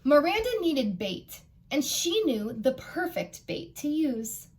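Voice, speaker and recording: An American children's librarian reads a picture book aloud with animated expression, asking her young listeners questions along the way. Her voice is high and her pace slow.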